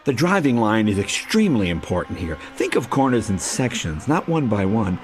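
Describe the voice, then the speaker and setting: Over loud music and roaring race car engines, a man reads scripted narration for a racing video game tutorial, explaining things clearly. His voice is lowish and very animated, delivered at a normal speed, with engine and car noise present throughout.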